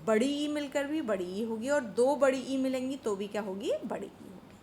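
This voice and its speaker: A woman teacher giving a Sanskrit grammar lesson to students, patiently asking questions and answering them herself, and chanting short rhyming rules slowly. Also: sits high, darkish tone, a little hiss or hum.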